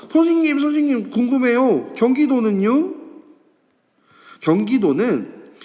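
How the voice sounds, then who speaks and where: A male high school teacher gives an online history lesson, asking students questions and answering them himself. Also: in a large hall. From Korea. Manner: acts out students' questions in a higher voice. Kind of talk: online class lecture to students. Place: classroom or office, recording an online lesson.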